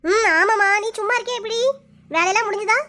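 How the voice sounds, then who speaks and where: A woman's voice: very high voice, fast, bright, forceful tone. A woman voicing a worried, scolding middle-aged village mother in a cartoon, grumbling to herself. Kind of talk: cartoon voice-over.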